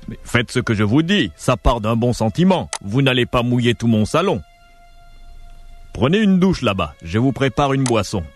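A man's voice: medium pitch, very animated, moderate pace, soft background music. Man playing a stammering, pushy rich man. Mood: bossy. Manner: stammering, bossy, laughs at his own words. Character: rich, pushy, boastful man in his home. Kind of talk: radio drama acting.

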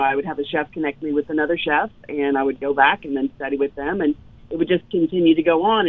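A woman from Louisiana, US South, in her fifties, guests on a casual interview and tells stories as a chef. Her voice sits low, and she's animated, with frequent ums. It sounds like a tinny phone line, dry and without echo.

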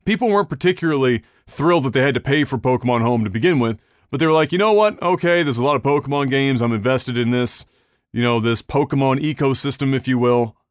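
A man's voice: mid-range voice, fast talker, no room sound, studio quality. A man hosting a casual gaming podcast, rambling through news with restarts and casual swearing. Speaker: podcast host.

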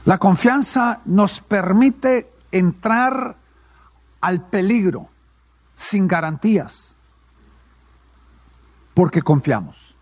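High-voiced preacher, dry sound. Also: male voice, expressive, extremely slow, long pauses, no echo. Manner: call-and-response preaching, asks and answers his own questions. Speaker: pastor. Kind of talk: sermon.

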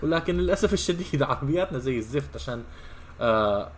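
A man's voice: medium pitch, lively intonation, fast talker, slight background noise. A man with a Levantine Arabic accent hosting a podcast in casual, informal chat, with occasional English words mixed in. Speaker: podcast host.

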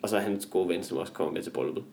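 A young man in casual comic chat, rambling with animated, exasperated exaggeration. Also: deep voice, gravelly.

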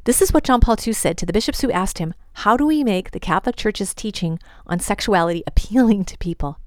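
A woman, a religious sister, giving a lively podcast teaching talk, emphatic and quick to laugh, posing questions and answering them herself. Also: mid-range voice, dry recording, studio quality.

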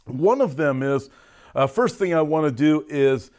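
With a fairly high, animated, darkish-toned voice that runs a little slow, this American man preaches to an online audience. Hosting a prophecy update as a pastor, he's folksy and informal, speaking directly with emphatic stresses while getting over a cough, lozenge in mouth.

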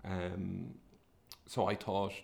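A middle-aged man from Sligo in the northwest of Ireland, an academic researcher and podcast host, tells his career story casually and a little hesitantly, as if thinking aloud. His voice sits low and level, very slow, gravelly and slightly mellow, with a west of Ireland accent.

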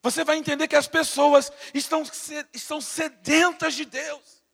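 A man with a Brazilian Portuguese accent preaches in a very high, bright, forceful voice, swinging from fervent peaks to hushed intensity. He stammers and repeats words as he builds each point. His voice rings with the long reverb of a large church hall. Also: fairly even intonation, normal speed. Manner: impassioned preaching, swinging between loud fervor and hushed intensity. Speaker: pastor. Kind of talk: sermon.

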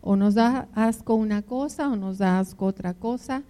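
A woman's voice: mid-range voice, normal speed, warm tone. An older woman preaching to married couples, telling emotional personal stories and calling the listeners her beloved ones. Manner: emotional storytelling with personal anecdotes. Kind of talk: conversational sermon.

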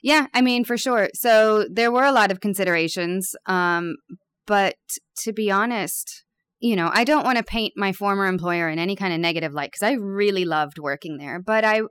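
A Peruvian-born bakery owner in her thirties, raised abroad, chats casually as an interview guest. Her medium-pitched voice is clear, resonant and a bit bright at a moderate pace, and she speaks openly and candidly with some self-deprecating humor.

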